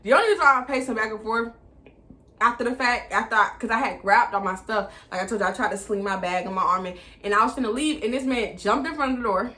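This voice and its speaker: A woman, telling an animated, profane storytime vlog and re-enacting her own dialogue. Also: fairly high pitch, fast. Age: 20s. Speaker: vlogger.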